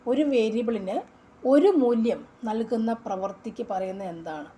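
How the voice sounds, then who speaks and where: A woman with a Malayali accent walks through exam questions as a coaching teacher, repeating each answer and tossing in rhetorical questions. Her voice is mellow and relaxed at an average pitch. A faint noise sits under the recording. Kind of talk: casual exam-question walkthrough.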